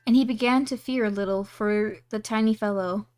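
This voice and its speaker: A woman's voice: medium pitch, steady tone, normal speed, a little mellow. A woman streamer casually reading a storybook aloud, giggling and adding asides on the text.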